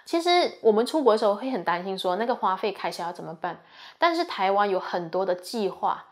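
A young woman from Malaysia, a university student, chats earnestly in a casual advice talk, sharing her experience and offering tips. Her mid-range voice swings widely in pitch and moves briskly.

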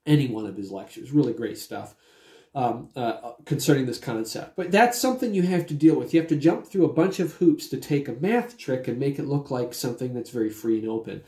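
A man's voice: mid-range voice, fairly quick, warm tone. A man in his forties with a cold, talking casually and explaining things with a lozenge in his mouth. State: getting over a cold. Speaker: magician discussing technique. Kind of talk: casual explanatory vlog talk. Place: timber-framed dining room at home, indoors. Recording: roomy echo.

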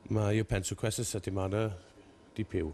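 A man in his forties, a native English speaker with English-accented Italian, speaking haltingly in a studio interview as a rugby coach and searching for words. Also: fairly low pitch, little pitch movement, darkish tone, a little hiss or hum. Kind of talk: television interview. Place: television studio.

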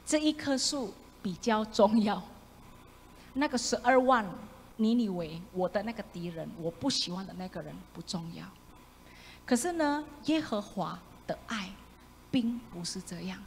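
A woman preaching a sermon, animated, acting out voices and dropping into whispered asides. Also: medium pitch, measured pace. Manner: animated, acts out voices of the prophet with sudden loud and whispered asides. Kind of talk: sermon with congregation reading along. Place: church hall. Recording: echoey church hall, faint room noise.

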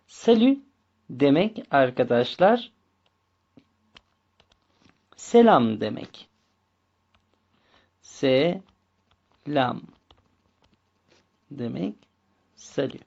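A male language teacher talks at an unhurried pace. He goes through words one at a time, repeating each and spelling out letters, and his pitch rises and falls in a lively way. The recording sounds dull and lo-fi. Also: gravelly. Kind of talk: slow bilingual language lesson.

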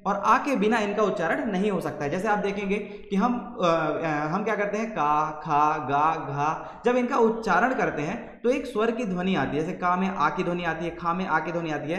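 A man's voice: high-pitched, reverberant, in a large hall. A man teaching a grammar lecture for exam preparation, who keeps asking the class questions and then answers them himself.

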